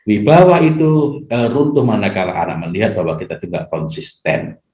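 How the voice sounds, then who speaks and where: A man with a low voice that rises and falls a great deal teaches parents, gentle and unhurried, with many hesitant fillers. His words ring out in a roomy, echoing hall. He sounds like a seasoned preacher taking questions. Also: big pitch swings, dull audio. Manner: gentle, acts out parent-child exchanges, frequent hesitation fillers. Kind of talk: Q&A parenting talk.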